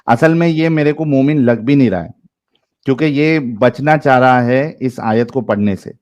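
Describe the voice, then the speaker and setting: A man's voice: medium pitch, darkish tone, lo-fi sound. A man from India hosting a live online debate, bossy and mocking as he questions callers. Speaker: debate host.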